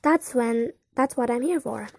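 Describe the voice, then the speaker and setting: A woman voicing an eager, attentive male butler who sounds bright and keen to help in an audiobook. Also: on the high side, measured pace, vocal fry, dry recording. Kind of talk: audiobook character voice.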